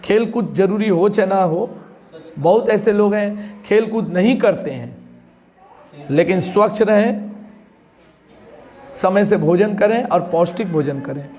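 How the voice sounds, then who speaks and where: A man with a high voice leads an exam-prep lesson. He explains each point by asking questions and giving everyday examples. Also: a little slow, pauses often, darkish tone. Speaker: teacher.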